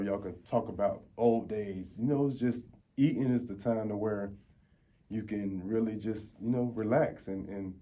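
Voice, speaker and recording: A Tampa, Florida man in his 40s, a food reviewer, chats as an interview guest, telling casual stories in street slang. He has a fairly low, mellow voice, and the audio lacks high frequencies.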